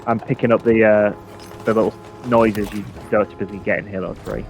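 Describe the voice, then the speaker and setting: A man's voice: fairly low pitch, fairly even intonation, a little fast, soft background music. A man co-hosting a casual live games show, asking short, curious questions. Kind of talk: casual live-stream chat.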